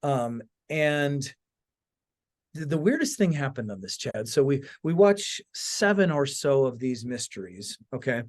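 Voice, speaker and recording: Very animated yet a little slow, this man speaks in a mid-range, slightly mellow voice. As a podcast host and author in casual chat, he tells stories with emphatic asides and keeps checking in with his listener.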